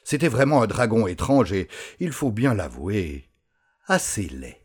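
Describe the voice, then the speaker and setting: A man reading a storybook aloud with expressive, unhurried storytelling. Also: fairly low pitch, slightly rough. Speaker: narrator. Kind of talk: storybook narration.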